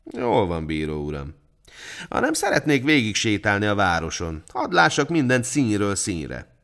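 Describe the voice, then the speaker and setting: Brief: man doing a shrewd storybook king, calm and quietly probing. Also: lowish voice, full character voice.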